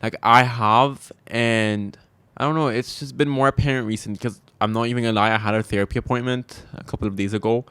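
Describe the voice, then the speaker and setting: A man's voice: mid-range voice, fairly even intonation, a little fast, fairly bright tone, clear, resonant tone, no room sound. A young man hosting a solo podcast, talking in a rambling, self-deprecating, confessional way with frequent laughs. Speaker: podcast host.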